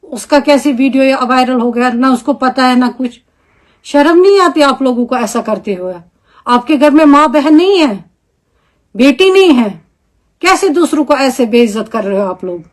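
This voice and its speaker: A Kashmiri-accented woman with a high voice delivers an angry video statement. She scolds with indignation and piles up rhetorical questions. She speaks as a homemaker and mother. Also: lively intonation, moderate pace.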